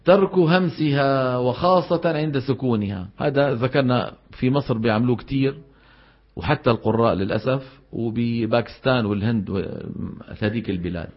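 A man's voice: mid-range voice, moderate pace. A man teaching Quran recitation in a classroom lesson, acting out right and wrong pronunciations and quizzing his students. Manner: demonstrates correct and faulty pronunciations, quizzes students. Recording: dull lo-fi lecture recording.

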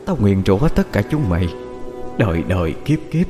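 A man's voice: fairly low pitch, very animated, normal speed, over music. A man voicing a vengeful young woman's ghost who curses her killers. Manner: menacing, cackling.

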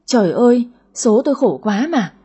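A woman's voice: fairly high pitch, lively intonation, normal speed, mellow, breathy edge. A woman playing a nagging, fussing mother. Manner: nagging, complaining.

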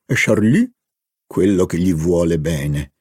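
A man reading an audiobook, voicing a gruff older husband who mumbles with mock grumpiness. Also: low-pitched, lively intonation, slow, darkish tone, no room sound, studio quality, full character voice. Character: gruff older husband, grumbling but kindly.

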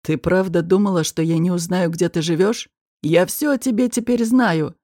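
Woman lowering her voice as a menacing stalker man. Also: warm tone, dry recording, clean studio sound, lightly acted. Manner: low, slow, threatening and mocking. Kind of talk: audiobook character reading.

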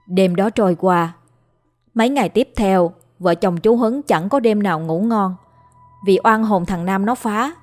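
A woman reading a ghost story aloud as a storyteller in steady scripted narration. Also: mid-range voice, unhurried. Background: faint music.

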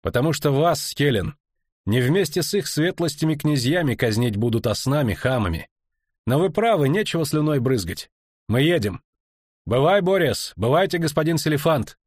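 A man reading an audiobook, voicing a tough, defiant young woman mercenary with a husky, blunt delivery. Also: a little high, sing-song, moderate pace, no echo, studio quality, voice pushed up. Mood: resigned. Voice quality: husky, plain-spoken.

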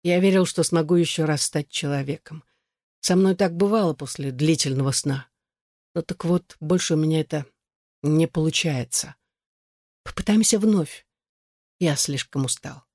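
A reader of an audiobook voicing a weary, gently ironic immortal man who speaks softly and sounds worn out. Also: medium pitch, moderate pace, pauses often, no room sound, clean studio sound, natural voice. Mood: weary, resigned.

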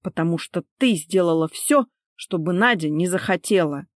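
A woman's voice: lowish voice, expressive, normal speed, clean studio sound, natural voice. Female reader as a domineering husband, curt orders, firm and cold, no reverb. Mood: stern cold. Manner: clipped, sarcastic, commanding.

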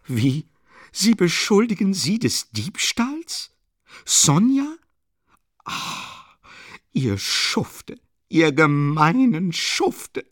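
A male audiobook reader voicing a frantic, hysterical impoverished woman who screams accusations in a high, strained falsetto. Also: flat delivery, moderate pace, hardly any pauses, mellow, no room sound, studio quality, natural voice. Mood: hysterical fury.

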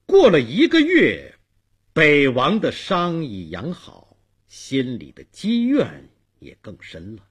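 A male storyteller with a husky, rough-edged voice, narrating a long traditional tale. He speaks slowly and dramatically, his pitch swinging widely between hushed lows and loud peaks. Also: wildly swooping pitch.

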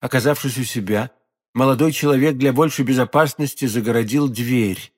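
A man narrating a classic novel in an expressive, measured literary reading. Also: medium pitch. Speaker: audiobook narrator. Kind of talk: scripted narration.

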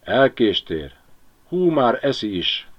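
A man voicing a small, humble, hungry crow in a high pleading whine, on a dull lo-fi recording. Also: big pitch swings.

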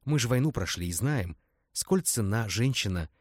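A man's voice: lowish voice, expressive, normal speed, husky, no echo, clean studio sound, voice pushed up. A man reading aloud and voicing a thrifty, earnest war veteran with old-fashioned speech.

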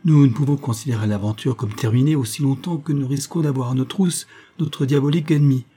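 A man's voice: mid-range voice, fairly quick, dark tone, breathy edge, pitched above the performer's own voice, close to an everyday voice. A man reading aloud, voicing a feverish, devoted young hero who speaks with exaltation. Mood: fervent. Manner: fervent, exalted.

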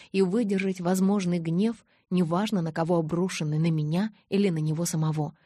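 A woman narrating an audiobook in the first person, intimate and emotive. Her voice sits low and sounds husky and mellow. The recording is close and dry. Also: dry recording.

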